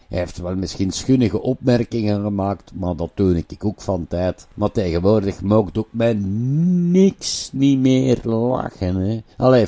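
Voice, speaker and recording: Rambling Flemish man with a mellow voice. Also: on the low side, no room sound, studio quality. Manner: rambling, ends phrases with a questioning tag. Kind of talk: casual opinionated monologue.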